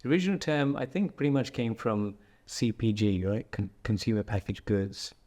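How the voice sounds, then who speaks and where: A man speaking as a podcast guest, relaxed and joking, thinking aloud and often checking in with "right?". He talks in person with the host in an indoor room. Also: on the low side, normal speed. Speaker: podcast guest, product executive. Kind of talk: casual conversational interview.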